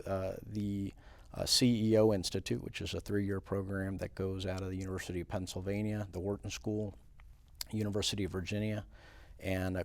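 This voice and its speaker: A man from Puerto Rico, a credit union president, answering questions in a studio interview in a measured way with many fillers. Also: deep voice, gravelly, dry recording.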